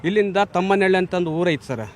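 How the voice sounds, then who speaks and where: A man's voice: high-pitched, fairly quick. A man from the village, earnestly testifying and pleading for compensation. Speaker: villager interviewee. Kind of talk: interview testimony.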